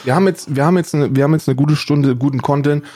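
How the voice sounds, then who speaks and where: A man's voice: a little high, fast talker, dark tone, dry recording, clean studio sound. A podcast co-host talking in casual chat, emphatic and lecturing, often restarting his sentences.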